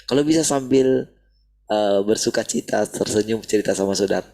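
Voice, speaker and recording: A man preaching a sermon in a casual, animated way, often ending phrases with a filler. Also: lowish voice, normal speed. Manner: animated, repeats "gitu" often. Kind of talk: sermon over video call.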